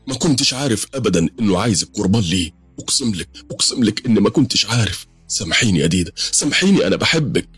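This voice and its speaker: Brief: remorseful young husband, Egyptian accent, husky and emotional, lively pitch, read by a male narrator. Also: very fast, no room sound, faint music behind, heavily acted. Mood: pleading. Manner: pleading, emotional.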